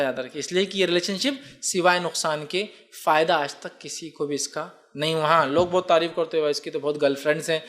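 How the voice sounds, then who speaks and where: A man's voice: a little high, a bit bright. A man answering a religious question, explaining patiently and asking and answering his own rhetorical questions. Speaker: Islamic speaker. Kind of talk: religious Q&A talk.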